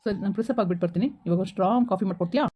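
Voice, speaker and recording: A woman's voice: mid-range voice, rapid-fire, slightly rough, lo-fi sound, lightly acted. A woman playing a village husband in a rural skit who coaxes and reassures his wife. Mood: coaxing. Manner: coaxing, reassuring. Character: village husband, dismissive then soothing.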